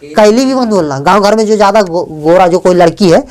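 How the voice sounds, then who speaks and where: A male English teacher giving a classroom lesson, often questioning his students, spelling letters out slowly and joking with them in a fatherly way. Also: high voice, darkish tone. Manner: calls students "beta" in a fatherly way.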